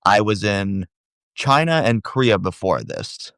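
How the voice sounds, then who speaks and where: A man with a notably deep, low voice, talking in a loose, rambling way. He hedges and fills gaps with "like" and "um" as he shares his impressions. The recording is dry and close, with no room sound. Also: lively intonation, a little slow, a bit bright, clean tone, dry recording. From United States. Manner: rambling, hedging, lots of "like" and "um". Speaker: traveler sharing impressions. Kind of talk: casual conversational chat.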